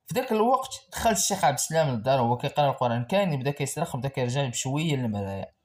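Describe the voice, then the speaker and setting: Fast-paced Moroccan horror storyteller man. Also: a little high, darkish tone. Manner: dramatic, suspenseful.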